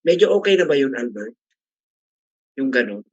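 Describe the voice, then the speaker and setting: A man's voice: mid-range voice, big pitch swings, normal speed, darkish tone, slightly rough, no room sound, highs cut off. A middle-aged man leading a casual class discussion, chatty and teasing, often asking the group questions. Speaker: class facilitator.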